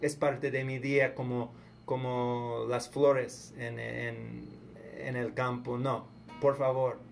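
A man from the United States giving a casual spoken sermon in a halting, preachy way, often repeating his words. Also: mid-range voice, little pitch movement, creaky, faint music behind. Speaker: vlogger.

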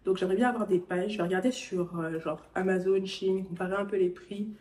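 A woman's voice: medium pitch, fairly even intonation, quick pace, darkish tone, a little hiss or hum. A young woman vlogging in a casual chat, talking straight to the viewer. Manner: chatty, talks straight to the viewer. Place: at home.

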